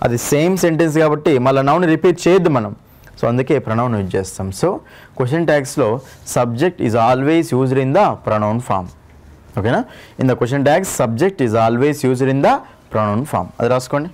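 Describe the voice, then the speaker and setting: Teaching English grammar for exam prep, this man with a Telugu accent goes over every rule more than once and checks that his students are keeping up. He speaks briskly and with animation in a mid-range, slightly mellow voice.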